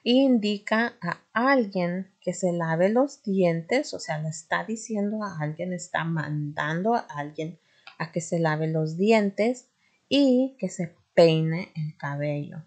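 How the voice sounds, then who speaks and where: A woman walks students through a grammar lesson. Her voice sits on the lower side and she takes her time, patient and careful. She often fills pauses and corrects herself as she goes. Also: expressive, a little mellow. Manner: patient, self-correcting, frequent "este" fillers. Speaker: teacher.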